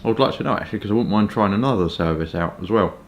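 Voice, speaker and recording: Low-voiced southern English man, casually chatting. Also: slight background noise. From Kent, England. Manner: informal, chatty, hesitant with stop-start pauses. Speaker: pipe tobacco reviewer. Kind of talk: casual rambling review chat.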